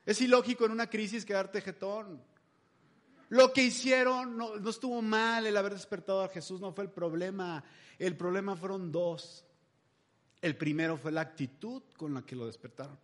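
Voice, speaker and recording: Pastor, high voice, casual jokey sermon delivery. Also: male voice, normal speed, a bit bright. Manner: chatty, humorous storytelling.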